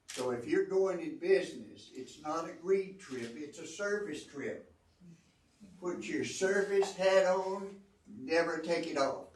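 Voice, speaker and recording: Older man talking business from afar. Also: on the high side. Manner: folksy, earnest, repeats phrases for emphasis. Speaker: guest speaker, entrepreneur. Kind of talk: informal talk to a student audience. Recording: roomy echo, distant mic.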